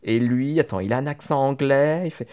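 A man's voice: medium pitch, a little fast, a little mellow, smooth. A man chatting casually as a podcast co-host, telling a long story with many restarts and hesitations. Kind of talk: casual chat about a TV series.

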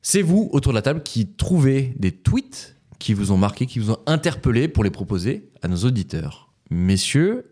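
Lively male round-table host. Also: mid-range voice, normal speed, hardly any pauses. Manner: lively, teasing, laughs often. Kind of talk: casual round-table chat.

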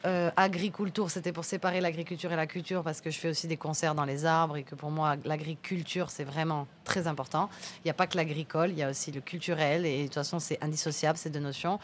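Young woman with a lowish speaking voice. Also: steady tone, fast, a little hiss or hum. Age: young adult. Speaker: guest, farm-tourism entrepreneur and singer. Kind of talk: casual interview chat.

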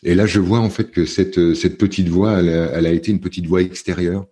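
Low, dark-voiced man, halting and husky. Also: steady tone. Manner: halting, many fillers and restarts. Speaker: podcast guest. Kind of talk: casual interview chat.

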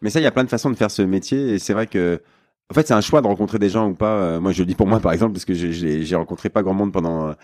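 Low-voiced hesitant podcast host. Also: male voice, very fast, darkish tone, no room sound, studio quality. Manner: hesitant, many fillers and restarts. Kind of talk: casual interview.

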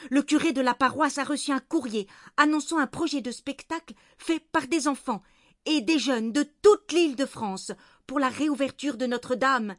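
Woman doing an eager little girl, high and excited. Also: normal speed, dry recording, studio quality, natural voice.

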